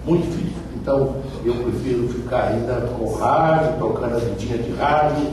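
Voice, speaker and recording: A man's voice: mid-range voice, moderate pace. An older man with an interior São Paulo Brazilian accent gives an emphatic motivational talk, repeating phrases and asking rhetorical questions. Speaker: radio broadcaster giving a talk. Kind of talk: motivational public speech with personal anecdotes. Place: echoey room at a speaking event. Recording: echoey hall, distant mic, faint noise.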